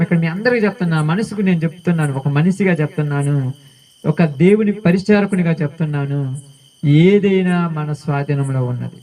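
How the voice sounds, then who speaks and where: A man's voice: a little high, dark tone, rough recording. A male pastor preaching a sermon in a colloquial style, often putting questions to the congregation.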